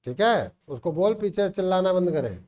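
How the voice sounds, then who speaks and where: A man's voice: high voice, big pitch swings, a little fast, a little mellow. A man teaching a math class, coaxing and teasing students by name to check they understand. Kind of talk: classroom teaching, mixing Hindi and English. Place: classroom with online students joining.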